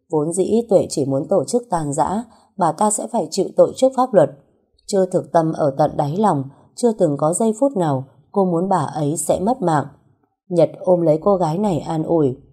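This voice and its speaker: A woman narrates a dramatic story as a scripted audiobook. Her voice sits low, dark and husky. She keeps a steady storytelling pace.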